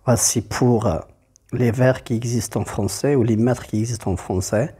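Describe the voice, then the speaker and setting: Male teacher, husky and mellow, methodical, flat delivery. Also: medium pitch, normal speed. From Morocco. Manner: methodical, repeats key points. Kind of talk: classroom lesson on poetry.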